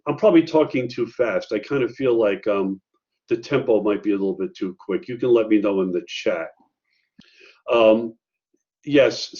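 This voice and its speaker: A man at mid pitch leads an online faculty workshop over a video call. He talks in a loose, chatty way with lots of "uh" and "you know." The audio is a bit muffled. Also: darkish tone. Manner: conversational, many fillers and asides. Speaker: workshop presenter. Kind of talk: online faculty training talk.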